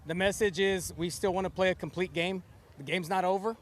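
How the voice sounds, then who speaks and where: A man with an American accent, a football coach answering in a sideline interview, haltingly and repeating words. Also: high-pitched, fairly even intonation, slight background noise.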